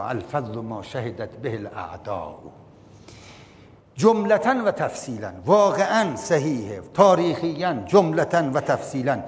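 A man giving a religious lecture. He reads out Arabic passages, explains them line by line and keeps asking his listeners questions. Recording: long hall reverb with faint rumble.

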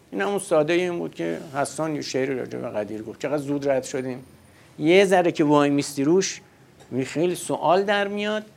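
A man's voice: mid-range voice, creaky, a little hiss or hum. A man giving a religious lecture in a conversational way, posing rhetorical questions and answering them himself.

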